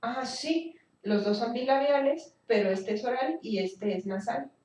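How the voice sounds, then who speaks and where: A woman teaching a speech therapy class, explaining slowly and thinking aloud with fillers and restarts. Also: fairly high pitch, animated, darkish tone. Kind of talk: recorded class lecture. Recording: echoey room, voice from a distance.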